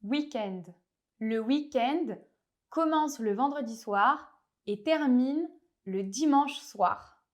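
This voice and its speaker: Her voice sits high and expressive, and the sound is lo-fi. She's a Frenchwoman with a French accent giving a clear, instructive language lesson, slowing to lay out how words are pronounced.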